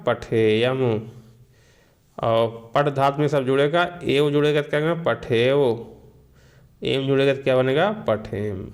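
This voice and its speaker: A man teaching a Sanskrit grammar lesson, drilling listeners with slow call-and-repeat recitation. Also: medium pitch.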